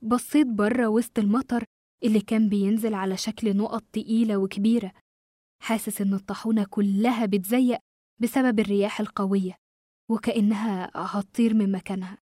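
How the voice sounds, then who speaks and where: A woman with an Egyptian Arabic accent narrating a horror story in a steady, suspenseful tone. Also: medium pitch, a little fast, dry recording, clean studio sound.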